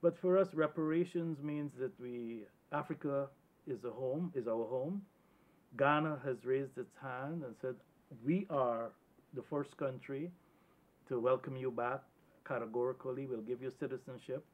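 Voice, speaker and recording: A man's voice: mid-range voice, unhurried, poor audio. Earnest Guyanese man on a TV panel. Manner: earnest, emphatic, with restarts. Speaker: panel guest. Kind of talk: televised panel discussion.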